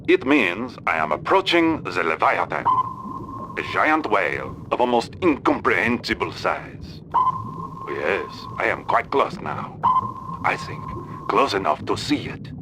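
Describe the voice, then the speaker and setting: A man doing a pompous French deep-sea explorer. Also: sing-song, background noise. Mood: awestruck. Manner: grandiose, slow dramatic narration. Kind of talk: comedy radio sketch.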